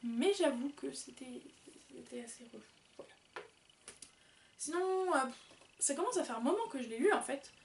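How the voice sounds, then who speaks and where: A woman's voice: high voice, lively intonation, moderate pace, pauses often, a little mellow, roomy sound, recorded from a distance, slight background noise. A woman chatting casually and rambling as she reviews books, with many fillers. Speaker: book vlogger. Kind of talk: casual book review chat.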